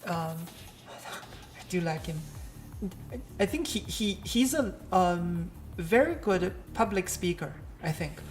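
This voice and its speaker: Chatty woman streamer, slightly low voice. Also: animated, slow pace, faint music behind. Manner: chatty, with many restarts and dry jokes. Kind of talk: casual chat.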